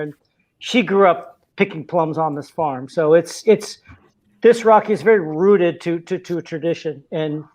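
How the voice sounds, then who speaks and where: A man who founded a spirits brand, chatting easily in a live online talk and telling stories with some restarts. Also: high voice. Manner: easygoing, storytelling, hesitant restarts. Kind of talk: casual live-stream chat.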